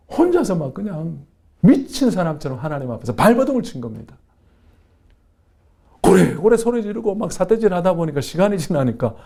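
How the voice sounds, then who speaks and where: A man's voice: high-pitched, vocal fry, warm tone. A male pastor, preaching a sermon in a church with emphatic, repeated affirmations.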